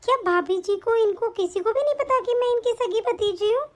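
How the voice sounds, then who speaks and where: Woman doing a poor young village girl, very high voice, earnest, wondering, talks to herself. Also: a little fast. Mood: musing. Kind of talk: cartoon voice acting.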